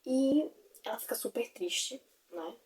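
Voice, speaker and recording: A woman's voice: fairly high pitch, expressive, slow, a little mellow, recorded from a distance. A woman recapping a fantasy novel in a casual, chatty way, full of fillers. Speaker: book reviewer.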